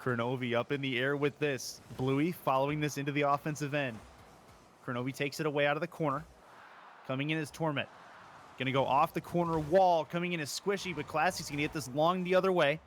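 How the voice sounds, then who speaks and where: A man calling esports play-by-play, rapid and rising to shouts at big moments. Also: on the high side, steady tone, a little hiss or hum. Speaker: play-by-play caster.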